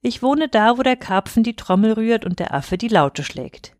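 A woman's voice: lowish voice, fairly quick, dry recording, studio quality, natural voice. Woman reading a sly, composed young noblewoman, storybook. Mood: feigned sweetness. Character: clever young noblewoman, scornful, feigning sweetness.

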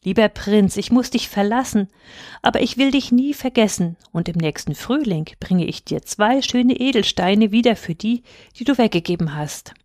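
A softhearted male swallow, voiced by a woman reading a storybook. He speaks earnestly and with affection, and the sound is dry and close to the mic. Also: mid-range voice, no echo, natural voice.

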